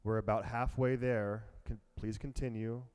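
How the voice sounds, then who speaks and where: A man leading a guided meditation and breathing practice, speaking slowly and calmly in a soft voice. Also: fairly low pitch, clear, resonant tone. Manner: slow, calm and soft-spoken. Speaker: meditation teacher.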